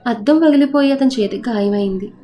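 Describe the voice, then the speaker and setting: Mellow woman storyteller over soft music. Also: on the high side, fast. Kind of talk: scripted audiobook narration.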